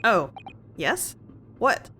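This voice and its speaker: A woman's voice: mid-range voice, huge pitch swings, extremely slow, sharp tone, a little hiss or hum, heavily acted. A woman voicing a flustered, exasperated young male lawyer.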